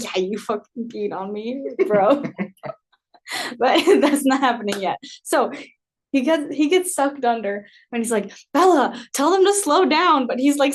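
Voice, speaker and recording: A young woman hosting a podcast, casually telling a story in a chatty way, full of "like" and frequent laughter. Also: fairly high pitch. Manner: chatty, heavy use of "like", laughs often. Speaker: podcast host.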